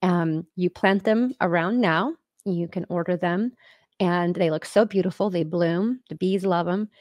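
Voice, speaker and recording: A woman hosts a casual home podcast over a video call. Her voice sits a little low and the sound is dry and close. She rambles in an easy, chatty way, stacking fillers as she goes. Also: unhurried, darkish tone, no echo. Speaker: podcast host. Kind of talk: casual chat.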